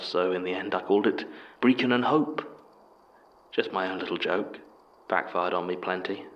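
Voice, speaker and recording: A middle-aged man reading a scripted horror statement in a measured, hushed way. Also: deep voice, poor audio.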